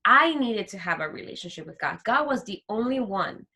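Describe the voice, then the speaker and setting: A woman talking as an interview guest about her faith, animated and heartfelt, often acting out the voices she quotes. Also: medium pitch, moderate pace. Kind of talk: heartfelt faith testimony in conversation.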